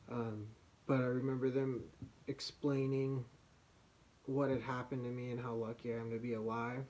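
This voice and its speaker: Speaking in a mid-range voice made soft by slightly damaged vocal cords, this man shares a personal story for his vlog. His delivery halts with pauses and restarts, and the recording is rough.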